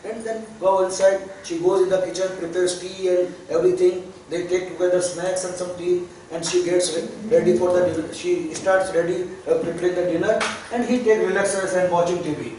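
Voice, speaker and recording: A man's voice: sits high, steady tone, a little fast, hardly any pauses, darkish tone. A man teaching a therapy class, in plain with chuckling asides. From India. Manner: plain non-native English, chuckling asides. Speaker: therapy trainer. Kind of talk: classroom lecture. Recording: echoey hall, distant mic, faint noise.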